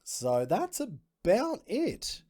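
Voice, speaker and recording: A man's voice: high-pitched, huge pitch swings, very slow, dark tone. A middle-aged man from Australia hosting a podcast, giving a chatty, upbeat rundown of news and reading out results. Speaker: podcast host. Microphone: podcast microphone.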